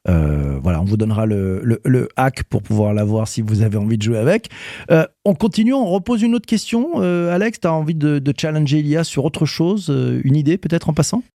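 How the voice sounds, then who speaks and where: An enthusiastic male podcast host chats casually and stops often to search for words. His voice is mellow and rather dark, and the sound is dry and close. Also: a little high, fairly quick, dry recording. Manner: enthusiastic, lively, hesitant with fillers.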